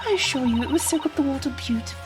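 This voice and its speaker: Woman voicing a breathy sneering English villainess. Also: sits high, expressive, over music, voice pushed up. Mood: mocking. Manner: taunting, drawn-out sneering delivery. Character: smug condescending English villainess, breathy and mocking. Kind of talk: fan voice dub of a game.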